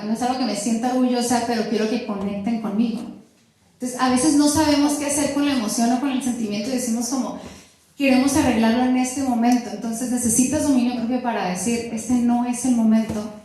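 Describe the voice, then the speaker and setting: A middle-aged woman leads a church class on marriage, her voice sitting high for a woman. She talks in a lively, chatty way and acts out snippets of dialogue. The sound rings in a very echoey church hall. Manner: lively and conversational, with laughs and acted-out quotes. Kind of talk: church teaching talk. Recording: very echoey room.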